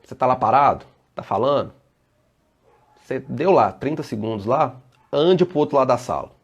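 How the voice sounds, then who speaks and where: A man's voice: medium pitch, lively intonation, normal speed, slightly rough, muffled recording. A Brazilian man, a safety engineer and trainer, giving a casual live online presentation and answering viewer comments as he goes. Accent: Brazilian Portuguese.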